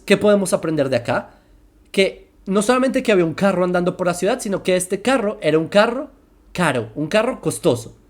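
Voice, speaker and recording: A presenter explaining religious texts in a commentary lesson, slowing down to spell out terms and often asking whether listeners follow. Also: medium pitch, darkish tone. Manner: keeps checking listeners follow, asking "right?"; slows down to spell out terms and examples.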